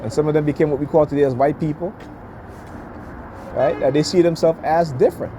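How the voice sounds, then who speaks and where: A man's voice: fairly high pitch, fairly even intonation, fairly quick, mellow, slight background noise. A man giving an informal, opinionated rant, emphatic and often checking in with short questions. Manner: emphatic, repeatedly punctuates points with check-in questions like "right?" and "okay?". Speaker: speaker giving commentary.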